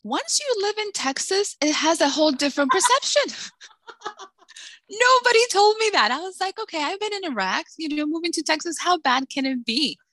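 A woman's voice: very high voice, normal speed, no echo. A woman from the Dominican Republic, an author interviewed in a casual chat, joking and acting out the voices of people in her stories. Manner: lively, joking, acts out quoted voices. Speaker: author guest.

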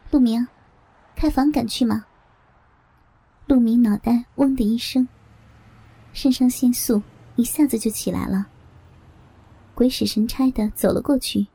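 Husky gravelly woman narrating a story. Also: a little high, dark tone, low-quality recording. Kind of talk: adult audio story narration.

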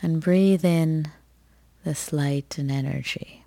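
A woman guides a meditation in a low, mellow voice with vocal fry. She talks very slowly and gently, leaving long pauses between soft, soothing phrases, and the recording is dry.

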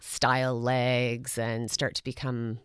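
A woman's voice: extremely low pitch, level tone, slow pace, smooth, dry recording, clean studio sound. A woman hosting a podcast interview, upbeat and effusive. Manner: enthusiastic, effusive. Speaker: podcast host.

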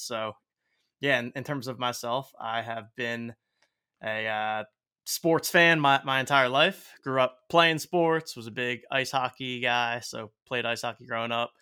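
Bright, clear man chatting haltingly. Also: medium pitch. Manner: halting, repeats words while thinking. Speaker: podcast guest, startup co-founder. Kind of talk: casual interview chat.

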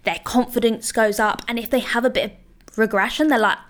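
A woman's voice: fairly high pitch, fairly even intonation, brisk, a bit bright. A woman dog trainer giving casual, encouraging advice, talking loosely with many "you know" and "like" fillers. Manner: reassuring, encouraging.

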